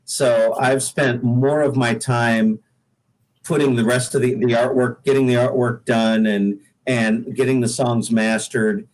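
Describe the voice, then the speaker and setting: In a casual interview, this male singer-songwriter guest pauses and repeats words as he thinks things through. His mid-range voice shows little pitch movement, and the audio is poor.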